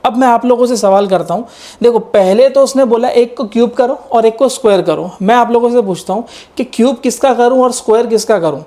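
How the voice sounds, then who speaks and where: A man's voice: very high-pitched, brisk, dark tone. A male maths teacher giving an exam-prep lecture. He works through each step and keeps asking the students rhetorical questions, mixing English maths terms into his explanation.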